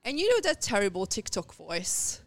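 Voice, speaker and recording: A woman who works as a voice actress, talking casually as a podcast guest in animated bursts with frequent restarts. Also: medium pitch, moderate pace. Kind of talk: casual conversation.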